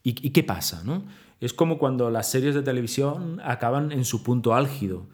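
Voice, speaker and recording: A man from teaches public speaking in a video lesson. He talks straight to the listener, asks himself questions and answers them. He stretches his pauses and swings his intonation wide on purpose to show how it is done. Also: medium pitch, expressive, a little mellow. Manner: deliberately exaggerated intonation and pauses for demonstration; addresses the listener directly with rhetorical questions.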